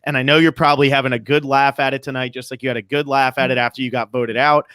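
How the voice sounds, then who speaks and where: A man with a high-pitched voice hosting a casual, chatty TV recap podcast. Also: little pitch movement, fast, a bit bright, clean tone, no room sound, clean studio sound. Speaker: podcast host.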